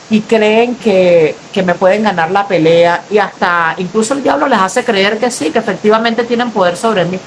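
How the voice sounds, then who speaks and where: A young woman with a Venezuelan accent, telling a personal faith anecdote with lively asides to listeners. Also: a little high, slight background noise. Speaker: storyteller.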